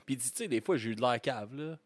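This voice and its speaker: A man with a Québécois accent hosting a casual podcast chat, animated and quick to swear and laugh. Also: mid-range voice. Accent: Québécois French. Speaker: podcast host.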